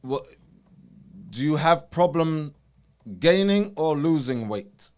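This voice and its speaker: A man's voice: on the high side, animated, slow pace, darkish tone, clear, resonant tone. A man hosting a wellness consultation over a video call, explaining things in a casual way and often checking in with "you know" and "right?". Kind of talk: casual advisory chat.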